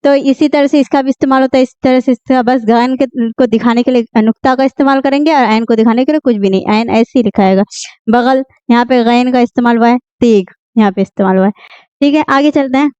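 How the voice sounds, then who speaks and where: Casting: woman teacher, high clear voice, patient and repetitive, dull dry recording. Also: mellow, dry recording. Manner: repeats words slowly, asks and answers own questions. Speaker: Urdu teacher. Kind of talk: beginner language lesson.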